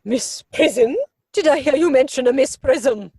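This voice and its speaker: A woman's voice: high-pitched, a little slow, mellow, slightly rough, exaggerated voice. A woman playing an imperious, haughty older aristocratic lady in a comic play reading, speaking with pompous, commanding emphasis. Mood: disapproving.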